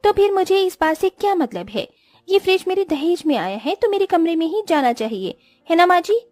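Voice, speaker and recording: A woman's voice: very high-pitched, very animated, fairly quick, a little mellow, dry recording, studio quality, soft background music, voice pushed up. A woman voicing a spoiled, selfish rich young bride in a cartoon story, talking in a demanding, scolding way.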